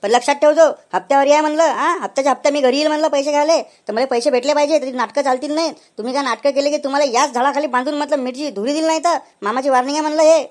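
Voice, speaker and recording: A woman voicing a pushy male cooler seller in a village cartoon, talking in a Vidarbha Marathi accent with loud, brash sales patter. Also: high-pitched, steady tone, racing, hardly any pauses, lightly acted. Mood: threatening. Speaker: voice actor. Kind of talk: cartoon comedy voice acting.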